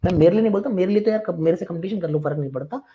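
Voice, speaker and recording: A man's voice: high voice, racing, dull audio. Chatty male maths teacher. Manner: chatty and reassuring, firm with interrupting students. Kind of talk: live online class.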